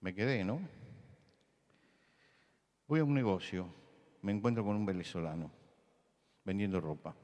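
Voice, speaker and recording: A man's voice: low voice, lively intonation, unhurried, long pauses, a little mellow, in a large hall. An older man from Buenos Aires with a Rioplatense accent, preaching a sermon in a conversational storytelling way that rises to emphatic points. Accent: Rioplatense Spanish. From Buenos Aires, Argentina. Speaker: pastor. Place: large church hall.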